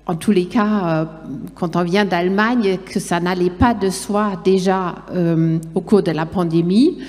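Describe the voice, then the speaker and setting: Casting: female panel moderator, unhurried and hesitant, soft dark tone, reverberant hall. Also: mid-range voice. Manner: hesitant, circling toward her question. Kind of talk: unscripted moderated discussion.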